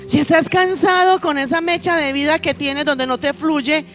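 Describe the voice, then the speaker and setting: A woman pastor preaches with a high, ringing voice, urging the congregation to answer and repeat her words. She drops into a lower, conversational tone when telling stories from home. Soft music plays faintly beneath her. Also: fairly even intonation, moderate pace. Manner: fervent preaching, calling on the congregation to respond. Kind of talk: sermon.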